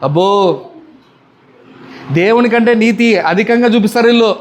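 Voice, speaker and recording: A man's voice: high-pitched, moderate pace, slight background noise. A male pastor with a Telugu accent preaching a sermon, often firing questions at the congregation and demanding answers.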